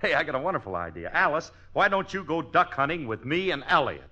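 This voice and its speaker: Blustering comic husband, highish voice, very animated, bossy and insistent, old radio comedy, noisy recording. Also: male voice, fast talker, lo-fi sound. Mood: wheedling. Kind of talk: old-time radio situation comedy acting.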